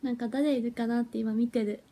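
A young idol woman hosting a casual phone livestream. Her voice sits high, with a mellow, breathy tone. She chats and giggles freely and gets flustered easily. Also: steady tone, a little fast. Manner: chatty and giggly, flustered when her stream freezes.

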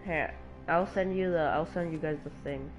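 A man's voice: fairly high pitch, normal speed, soft background music. Scattered young man streaming a game. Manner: scattered, talking through settings aloud. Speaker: streamer hosting a game broadcast. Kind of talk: casual gaming chat.

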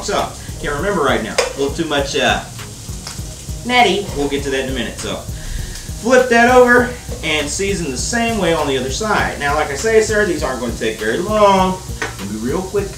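A man's voice: a little high, distant mic. A young man hosting a casual cooking vlog in his home kitchen, rambling and joking as he talks to the viewer. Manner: joking, rambling, calls viewer baby and sir. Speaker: cooking show host. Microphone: camera mic at a distance. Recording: roomy kitchen sound from off-mic.

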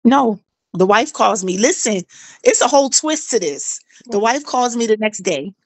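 A woman's voice: a little high, moderate pace, dry recording. Woman telling a story, dry close sound. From South Carolina, US. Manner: animated, acts out quoted dialogue, repeats phrases for emphasis. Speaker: co-host telling her own story. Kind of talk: casual storytelling chat.

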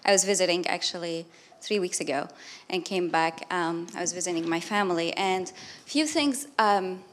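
A woman's voice: on the low side, moderate pace, fairly bright tone. A young woman from Syria, a graduate student, asking a long, hesitant question from the audience at a panel talk, with many fillers. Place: lecture hall audience.

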